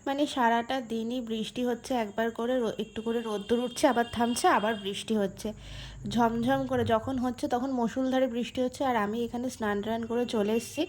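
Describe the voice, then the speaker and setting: Soft-spoken young woman narrating a vlog. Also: a little high, steady tone, slight background noise. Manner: soft, quiet, slow narration. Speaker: vlogger. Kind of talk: daily vlog voice-over.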